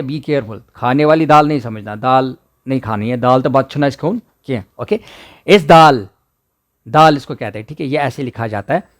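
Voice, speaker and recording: Slow sing-song Kashmiri male teacher. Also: on the high side. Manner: mixes English words into Hindi. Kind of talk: alphabet lesson for children.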